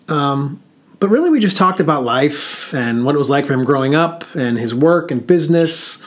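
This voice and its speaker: A man speaking as a podcast co-host, telling a personal story in casual chat, slow and halting with frequent pauses and fillers. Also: fairly high pitch.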